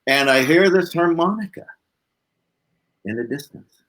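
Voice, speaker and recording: On poor audio, a man with a fairly high-pitched voice speaks a little slowly. He's a blues musician appearing as an interview guest, spinning lively personal anecdotes, voicing bits of dialogue, and tacking "right?" onto his phrases.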